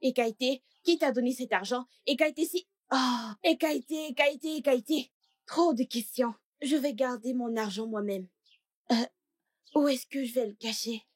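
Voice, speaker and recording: An actress dubbing a brash, talkative young village woman who thinks aloud and fires back quick retorts. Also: high-pitched. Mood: excited. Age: young adult. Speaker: dub actress. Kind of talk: dubbed film acting.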